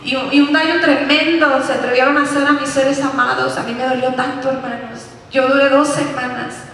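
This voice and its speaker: A woman pastor delivering an impassioned, emotional sermon with dramatic pauses. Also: sits high, steady tone, gravelly, fairly bright tone, a little hiss or hum. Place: church sanctuary. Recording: echoey church hall from far off.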